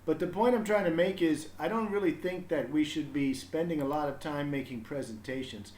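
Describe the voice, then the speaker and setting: On a livestream for children's reading, a man with a fairly high, darkish voice speaks briskly, explaining in a meandering, thinking-aloud fashion. The recording has a roomy echo.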